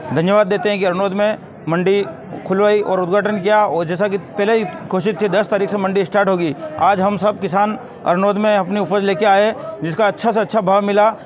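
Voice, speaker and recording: A man gives a public statement as a farmer. His voice is high-pitched, and a crowd is clearly audible around him outdoors. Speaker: farmer interviewee. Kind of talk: public statement to a news camera. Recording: busy outdoor crowd noise.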